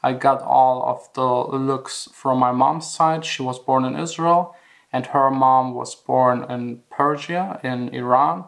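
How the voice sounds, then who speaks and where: A young German man narrates his personal vlog with a German accent, speaking earnestly, reflectively and plainly. He's a house DJ and music producer, and his mid-range voice is gravelly, steady and slow.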